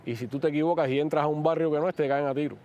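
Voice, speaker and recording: A man with a Cuban accent, a guest recounting his years in prison in an animated interview manner. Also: a little high, very fast. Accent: Cuban Spanish. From Cuba. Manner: animated, acts out quoted speech. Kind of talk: interview storytelling.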